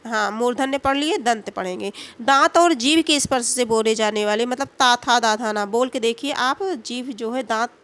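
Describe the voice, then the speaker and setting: A woman teaching a Hindi grammar lesson, asking the class questions and answering them herself, and sounding out letters slowly. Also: on the high side, fairly bright tone.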